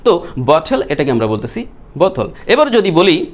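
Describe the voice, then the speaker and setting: A Bengali man teaching spoken English who explains patiently, repeats words slowly and keeps asking the viewers questions. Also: on the high side, big pitch swings.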